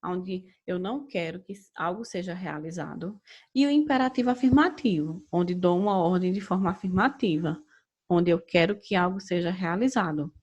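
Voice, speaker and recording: Recorded on dull audio, a young adult teacher with a Brazilian Portuguese accent walks students through grammar, measured and explanatory, constantly checking in with them. She is fairly low-pitched and expressive, with a darkish, slightly rough tone.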